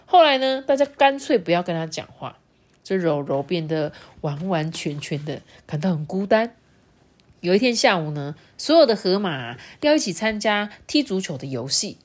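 A woman reading a picture book aloud to children, lively and playful, with chatty asides. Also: fairly low pitch, moderate pace. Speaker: storyteller.

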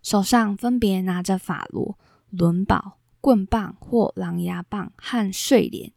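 A woman hosting a podcast, steadily retelling old myths in a measured storytelling way. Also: mid-range voice, creaky, darkish tone, no room sound, clean studio sound. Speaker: podcast host.

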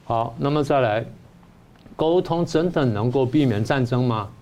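A man's voice: mid-range voice, animated, a little slow, darkish tone. A man, a professor giving political commentary who argues his point through repeated rhetorical questions. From Taiwan.

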